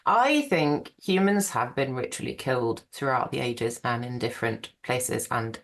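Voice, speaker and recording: A woman's voice: a bass voice, animated, unhurried, vocal fry. A woman archaeologist, a podcast guest, talking in a chatty, rambling way and laughing easily. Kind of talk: conversational podcast interview.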